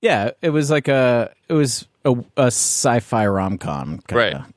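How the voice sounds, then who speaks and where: A man's voice: mid-range voice, big pitch swings, a little slow, no room sound, clean studio sound. A man, hosting a casual movie chat and rambling through his points with lots of fillers. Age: 30s. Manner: rambling, loose, many fillers. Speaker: podcast host.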